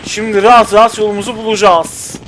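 A man's voice: high-pitched, little pitch movement, quick pace, a bit bright, a little hiss or hum. A young man commentating his own gameplay, chatting and muttering to himself and at the game characters as he plays. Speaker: gaming channel host. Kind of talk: let's play commentary. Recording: game music underneath. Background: game music and sound effects.

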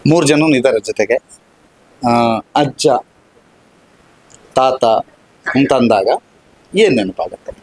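Husky-voiced male local news interviewer. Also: medium pitch, slow, long pauses, poor audio. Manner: short prompting questions. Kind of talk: field interview.

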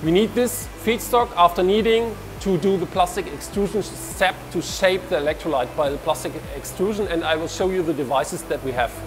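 With music in the background, a man in a high voice speaks briskly, barely pausing, while touring visitors through an indoor industrial hall. The German researcher explains with hand gestures into a lapel mic, restarting often.

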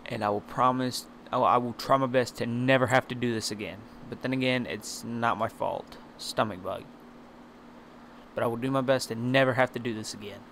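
A man's voice: medium pitch, fairly even intonation, brisk, fairly bright tone, a little hiss or hum. A man hosting his own gaming video, talking in a hesitant, apologetic way with many restarts. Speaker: channel host. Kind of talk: spoken intro to a gaming video.

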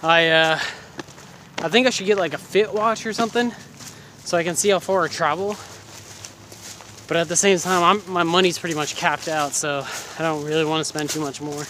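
A man's voice: a little high, fairly even intonation, normal speed, pushed and bright, a little hiss or hum. Winded young man vlogging outdoors. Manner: chatty, rambling, self-deprecating. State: out of breath. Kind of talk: casual vlog talk to camera. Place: outdoors by a busy road.

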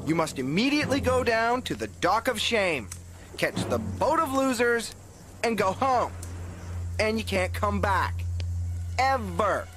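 A man's voice: high-pitched, sing-song, a little slow, noisy background. A man voicing a smug, theatrical reality-show host in a cartoon, stretching out suspense over music. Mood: ominous. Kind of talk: animated cartoon acting, dramatic announcing.

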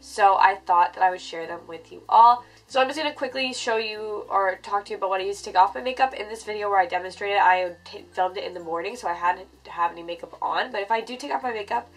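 A young woman talks to camera in a casual, chatty vlog style. Her nose sounds blocked by a cold, and her voice sits at a medium pitch for a woman. She comes across as informal and a little self-deprecating. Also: fast, few pauses, faint music behind, low-quality recording. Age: 20s. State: congested, stuffy nose from a cold. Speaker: beauty vlogger. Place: furnished bedroom, indoors.

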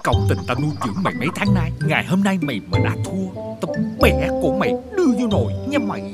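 An actor playing a broke, crude gambling brother in a TV folk-tale drama, with a rough, blustering manner. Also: male voice, a little high, sing-song, fast talker. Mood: gruff. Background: music.

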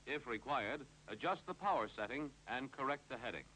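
At medium pitch and a slightly quick pace, an American man narrates a 1950s instructional film, clipped and authoritative, his bright, forceful voice rising and falling through each instruction. The poor audio of the old soundtrack carries faint noise and hum.

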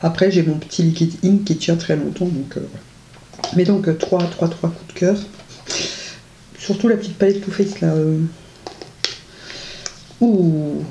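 A woman's voice: fairly low pitch, a little slow, pauses often, mellow, muffled recording, a little hiss or hum. A woman casually reviewing makeup on her vlog, chatty and enthusiastic, with many hesitations and gushing words of praise. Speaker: beauty vlogger. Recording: roomy echo.

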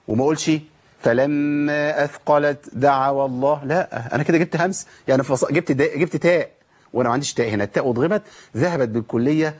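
A man's voice: mid-range voice, a little mellow, breathy edge. A man with an Egyptian accent teaching the rules of Quran recitation. He asks questions and answers them himself, and repeats sounds to demonstrate them.

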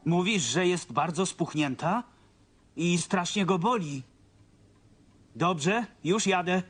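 A man's voice: sits high, slow pace, a bit bright. A man voicing a kind, absent-minded vet in a cartoon, talking mildly to himself. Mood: musing. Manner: mild, musing to himself. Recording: cartoon music behind.

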